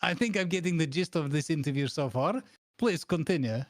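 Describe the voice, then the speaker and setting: Man acting bossy job interviewer, deadpan, mock-formal, deliberate, slightly high voice, close dry recording, improvised comedy. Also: no room sound, close to an everyday voice. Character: deadpan, bossy male boss interviewing absurd job candidates. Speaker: stream host playing interviewer. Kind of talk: improvised comedy role-play.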